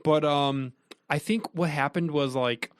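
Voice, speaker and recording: A man's voice: fairly high pitch, a little slow, clean tone, dry recording, studio quality. A young man co-hosting a podcast, rambling in casual chat with many restarts. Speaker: podcast co-host.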